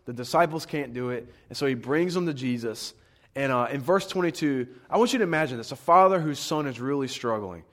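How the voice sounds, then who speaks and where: A man's voice: medium pitch, expressive, fairly quick. A young man giving a casual, conversational Bible teaching in an earnest, encouraging way.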